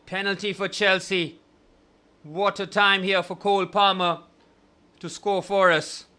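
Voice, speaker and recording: Young guy doing fan commentary on a live watchalong, kinda high tense voice, biased, goes from moping to yelling. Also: unhurried. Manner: partisan, swings from glum musing to excited shouting. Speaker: watchalong host.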